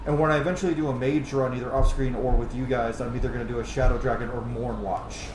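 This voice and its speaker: Playing a video game, this gaming host keeps up a casual, profanity-laced commentary in a steady, medium-pitched voice at a quick pace. Background noise comes through clearly, and the room adds a noticeable echo.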